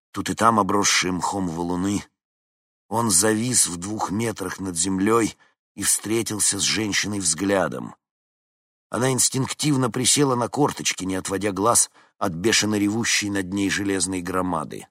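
A man narrating an audiobook in an expressive storytelling manner. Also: deep voice, no echo, clean studio sound. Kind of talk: scripted narration.

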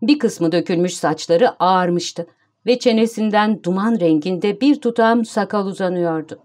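A woman narrates an audiobook at a steady, measured pace. Her voice is mid-pitched and even. She keeps a calm storytelling tone throughout. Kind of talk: scripted narration.

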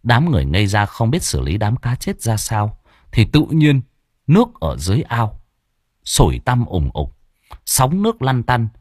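Male audiobook narrator, husky, lively delivery, dry close recording. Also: medium pitch, moderate pace, no echo. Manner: lively, dramatic storytelling. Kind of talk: storytelling narration.

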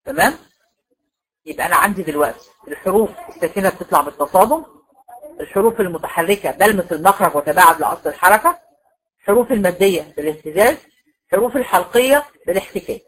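A woman with an Egyptian accent teaching Quran recitation rules in an online lecture, explaining step by step, asking her students questions and drawing out example words slowly. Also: lowish voice, expressive, poor audio. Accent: Egyptian Arabic.

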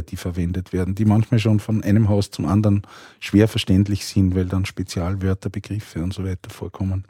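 A man, a teacher, answering interview questions in a calm, measured, explanatory way. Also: lowish voice, no echo, studio quality.

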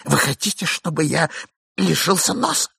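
A man voicing a cowardly, panicky gentleman who whines and complains. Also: on the high side, lively intonation, normal speed, gravelly, husky, no echo, clean studio sound, voice pushed up, full character voice. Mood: panicky whining. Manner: whining complaints. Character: cowardly middle-aged gentleman, whining and panicky.

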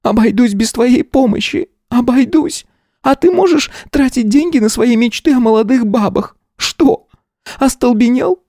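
Man doing a shrill, furious older wife. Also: moderate pace, dark tone, no room sound, clean studio sound, close to an everyday voice. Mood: venomous. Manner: shrill, hysterical, spiteful.

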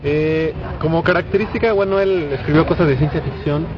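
A man's voice: fairly high pitch, fairly quick. A man co-hosting a casual podcast, recommending a book in a rambling way and trailing off when he can't recall names, recorded outdoors in a park. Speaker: podcast co-host. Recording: muffled lo-fi sound with loud traffic outdoors.

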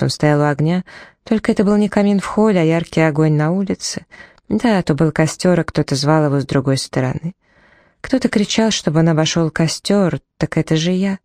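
A woman with a deep, darkish voice reads a first-person novel aloud as an audiobook, dramatically acting out the dialogue as she narrates. The studio-quality recording has no echo.

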